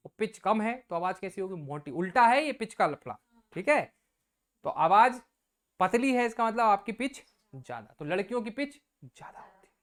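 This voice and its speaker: A woman's voice: mid-range voice, moderate pace. Woman, coaching class teacher, casual explaining, asks and answers her own questions. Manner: casual, lively explaining with everyday examples. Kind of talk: exam coaching lecture.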